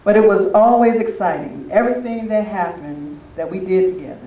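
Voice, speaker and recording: At a spiritual retreat, an older man tells stories to a group in a relaxed, reminiscing manner. He has a high-pitched, mellow voice and talks a little fast. The sound is lo-fi, picked up by a distant mic in a roomy space with faint noise.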